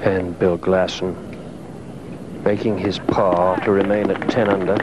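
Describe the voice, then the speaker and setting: A man giving live golf commentary in a measured way with wry understatement, on a 1980s television broadcast. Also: low-pitched, level tone, muffled recording, heavy background noise.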